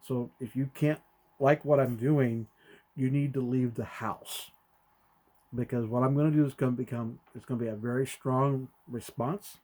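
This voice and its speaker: Animated storytelling man. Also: medium pitch, moderate pace. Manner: animated, acts out quotes with sudden loud jumps. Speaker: podcast co-host. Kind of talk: conversational storytelling.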